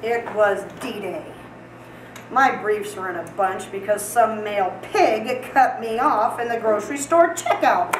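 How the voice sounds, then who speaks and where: A woman's voice: medium pitch, unhurried, natural voice. Woman acting a militant man-hater, echoey and distant. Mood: bragging, combative. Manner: combative, mock-military storytelling. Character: militant, angry man-hating female gang leader. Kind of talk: mock news interview. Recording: echoey, distant, slightly noisy room.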